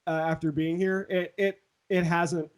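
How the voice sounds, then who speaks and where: A man's voice: fairly high pitch, level tone, a little slow. A man with a Southern California accent chatting casually and slangily on a podcast, in a laid-back way. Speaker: podcast host, aspiring voice actor.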